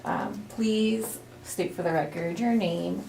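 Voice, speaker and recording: A woman interviewer asking slow, measured questions in an oral history interview. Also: medium pitch, vocal fry. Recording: echoey room, distant mic, faint noise.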